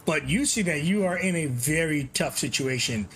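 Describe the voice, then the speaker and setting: A man's voice: fairly high pitch, animated, normal speed, fairly bright tone, a little hiss or hum. Upbeat man running a tabletop game. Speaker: game master.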